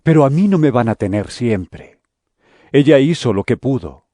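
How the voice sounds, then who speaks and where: A man playing Jesus as a solemn, deliberate teacher in a scripture audio drama. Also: medium pitch, expressive, warm tone, no echo, close to an everyday voice. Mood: gentle rebuke. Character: Jesus, solemn adult male teacher warning and instructing disciples.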